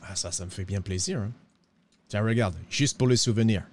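Speaking at normal speed with a darkish tone, this man gives a lightly acted turn as a penniless, clumsy cowboy in a western roleplay. He pleads in a fake accent, his pitch sliding theatrically, and ends his lines with "hein." There's slight background noise.

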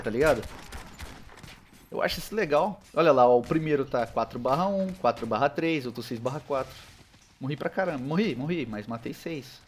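A young man with a Brazilian Portuguese accent giving casual, slangy commentary over his own gameplay, with excitable loud outbursts. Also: on the high side, slight background noise. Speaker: gaming channel host.

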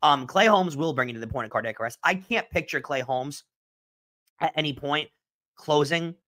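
Bright-voiced animated sports podcast man. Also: on the high side. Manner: animated, emphatic, repeats points. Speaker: podcast host.

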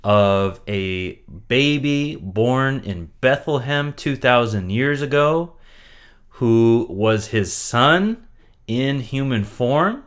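A man's voice: medium pitch, clear, resonant tone. A man teaching an online Bible lesson for children, telling the story expressively and asking rhetorical questions.

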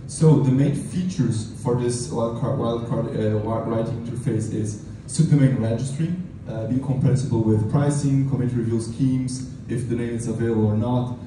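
A man presents a casual technical lightning talk with halting phrasing and a medium pitch. He sounds distant from the microphone, in a strongly reverberant conference room. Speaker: conference speaker. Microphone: handheld mic through PA, picked up by a distant camera. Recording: roomy, distant, noisy room recording.

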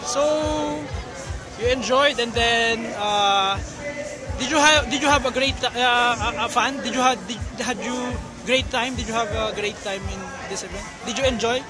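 A man doing an informal interview, halting and rewording his questions as he goes. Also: very high voice. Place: outdoors at a busy race event. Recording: crowd and music outdoors. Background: crowd and music.

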